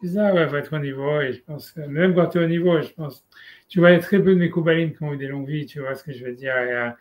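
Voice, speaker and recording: A man's voice: on the high side, fast, lo-fi sound. A middle-aged man in casual chat, rambling with many restarts as he explains his study groups.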